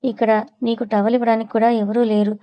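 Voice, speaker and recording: A woman's voice: on the high side, flat delivery, quick pace, dark tone, natural voice. A woman reading an audio story, voicing a mischievous, feisty young wife with a sassy tongue. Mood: scheming. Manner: sassy, scheming.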